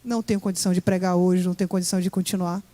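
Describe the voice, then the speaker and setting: Her voice fairly low and dark, a woman delivers an emotional personal testimony to her church congregation in rapid-fire speech with fairly even intonation. The recording carries the long reverb of an echoey church hall.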